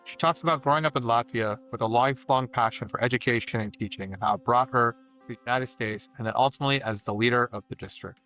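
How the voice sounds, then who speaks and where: A man's voice: mid-range voice, fast, bright, forceful tone, highs cut off, soft background music. Hesitant male podcast host. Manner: hesitant, many fillers. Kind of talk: podcast interview.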